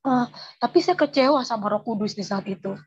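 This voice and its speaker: A high, husky woman's voice, telling an emotional church testimony and playing out each quoted line with animation. The recording is dry and slightly dull. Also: brisk, no echo. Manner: animated storytelling, acts out quoted dialogue. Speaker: guest giving a church testimony.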